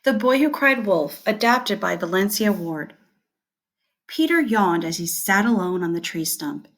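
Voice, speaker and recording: Reading prepared lesson content aloud, this woman teacher speaks at a medium pitch in a clear, deliberate, expressive way.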